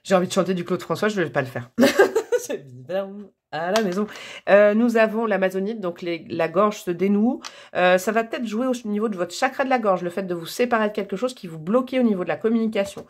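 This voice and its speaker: A woman's voice: mid-range voice, fast talker. Chatty, playful woman reading tarot. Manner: chatty and playful, joking and laughing at herself; talks straight to viewers, coaxing and encouraging. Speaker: tarot card reader. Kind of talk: casual tarot reading to camera.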